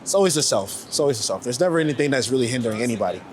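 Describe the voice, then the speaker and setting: Talking rapid-fire and animated, a man with a mid-range, darkish-toned voice rambles slangily and reflectively through a casual walking interview. He is a street photographer in his late twenties, outdoors on a New York City street, with faint traffic and urban ambience audible in the street noise.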